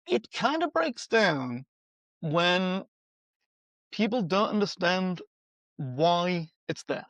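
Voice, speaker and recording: A middle-aged man appears as a guest expert on a conversational podcast, speaking in a high voice and taking his time. He's animated, acting out quoted dialogue in playful voices, and the recording is dry and slightly dull with no echo.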